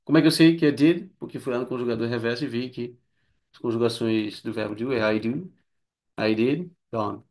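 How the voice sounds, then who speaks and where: Male English tutor, Portuguese native, casual explanatory delivery, mid pitch. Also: brisk. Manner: chatty, frequent "né?" tag questions, lively swings in pitch. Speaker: English teacher. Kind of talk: explaining grammar lesson.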